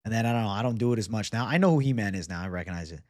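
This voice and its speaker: A man in his twenties hosts a livestream, reading and answering viewer comments in casual, slangy, sweary bro-talk. He talks very fast in a lowish voice, recorded clean in a studio with no echo.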